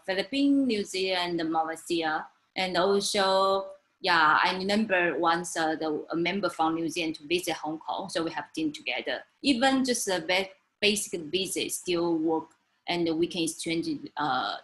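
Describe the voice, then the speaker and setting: A woman from Taiwan, an English speaker, presenting slides in a webinar, halting with many fillers and restarts. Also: on the low side, a bit bright, poor audio.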